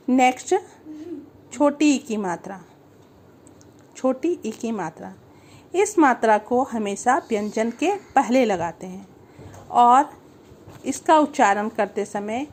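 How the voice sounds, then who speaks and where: A woman's voice: a little high, a little hiss or hum. A woman teaching a Hindi lesson, explaining step by step, repeating each term and asking the viewer questions. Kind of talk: slow, patient language lesson.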